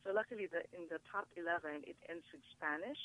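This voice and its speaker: A guest author from the Philippines, Tagalog her first language, speaks eagerly in a casual TV studio interview. Her voice is lowish, fast and a bit bright, and she explains things in an upbeat way despite poor audio.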